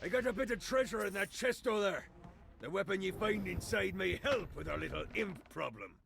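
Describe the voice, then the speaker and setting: An actor playing a boastful pirate captain in hell, in a theatrical pirate voice, from a video game. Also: male voice, high voice, expressive, fairly quick, gravelly, a bit bright, exaggerated voice. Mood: swaggering. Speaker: game character. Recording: game audio with background noise.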